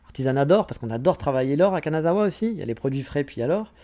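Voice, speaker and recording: A man's voice: fairly high pitch, lively intonation, racing, mellow. A man hosting a podcast, chatting casually and rambling about travel, poking fun at himself. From France. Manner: chatty, rambling, self-mocking. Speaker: podcast host.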